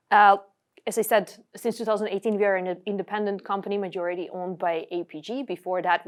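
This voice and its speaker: A woman from Serbia in her forties, giving a webinar talk with frequent fillers and restarts. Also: lowish voice. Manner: many fillers and restarts, uses "like" often. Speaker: guest speaker. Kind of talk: webinar presentation.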